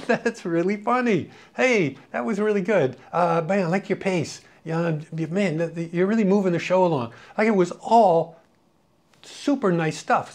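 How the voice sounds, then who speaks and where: A fairly high-pitched, somewhat dark male voice belongs to a middle-aged or older man coaching radio programming. His lesson is informal and rambling, full of anecdotes and conversational "you know"s.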